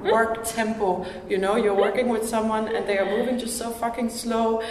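A woman's voice: a little high, fairly even intonation, moderate pace, a little mellow, slight background noise. A woman from Denmark hosting a podcast interview, talking casually in a chatty way with many "like" fillers inside a gallery exhibition room. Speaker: podcast host. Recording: echoey gallery room with long reverb.

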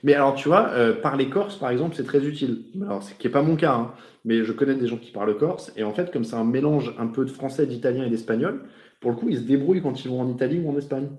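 A man's voice: medium pitch, fast, darkish tone. A man hosting a casual live show, reading out viewer messages in a chatty, joking way. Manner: chatty, jokey, tosses in foreign phrases. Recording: roomy echo.

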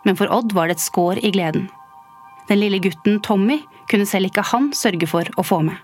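A woman narrating a scripted history story in a calm, even way. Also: mid-range voice. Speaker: podcast narrator. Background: faint music.

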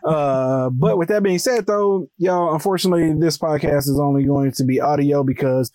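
A man hosting a podcast from inside a closet, his voice sitting close and dry with no room sound around it. He talks in a fairly high register, blunt and profane, and breaks into laughter often. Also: normal speed, a little mellow, no echo. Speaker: podcast host. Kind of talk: casual podcast chat. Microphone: laptop.

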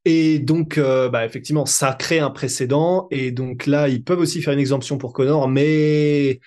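A man co-hosting a casual sports podcast, speaking in a measured, reflective way with some hesitation. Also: mid-range voice, fairly even intonation, a little mellow. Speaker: podcast co-host. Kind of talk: casual chat about MMA.

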